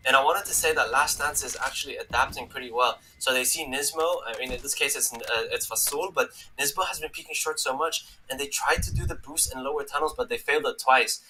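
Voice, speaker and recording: A man calls a tournament match live, his tone strikingly bright and his voice worn hoarse from shouting. He talks quickly through the action and bursts into loud exclamations whenever a big play lands. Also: mid-range voice, a little hiss or hum, poor audio. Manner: excitable, rising to yells at big plays. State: losing his voice. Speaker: esports caster. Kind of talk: live game commentary.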